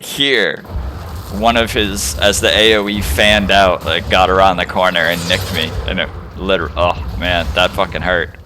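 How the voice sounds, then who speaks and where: A man's voice: low-pitched, background noise. A young man giving casual, rambling gameplay commentary, chatty and profane, full of fillers. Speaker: streamer.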